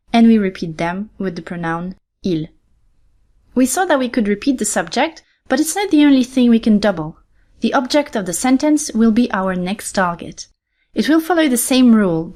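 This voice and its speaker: A woman hosting a podcast language lesson, explaining step by step and slowly repeating example phrases. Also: a little high, a little mellow. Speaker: French teacher and podcast host.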